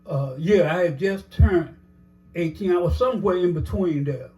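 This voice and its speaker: A man's voice: sits high, moderate pace, warm tone, soft background music, poor audio. An older man telling his life story in a casual interview, rambling with many "you know"s and acting out the dialogue he recalls.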